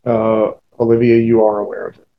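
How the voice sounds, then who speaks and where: A man narrating a tabletop role-playing game as game master, piecing his descriptions together haltingly. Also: lowish voice, fairly even intonation, vocal fry, narrow, tinny audio.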